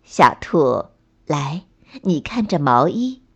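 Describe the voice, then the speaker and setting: A woman voicing a patient mother rabbit in a storybook, speaking low and soft with a gently reproachful, sighing tone. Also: sing-song, slow, creaky, breathy edge, heavily acted. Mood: tender. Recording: slightly dull lo-fi recording.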